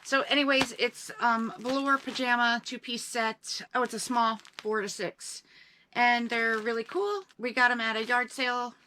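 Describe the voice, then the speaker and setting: A woman's voice: a little high, bright, forceful tone, slight background noise, poor audio. A woman co-hosting a reselling show, chatting casually and teasing her partner. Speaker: reseller co-host. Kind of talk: casual chat.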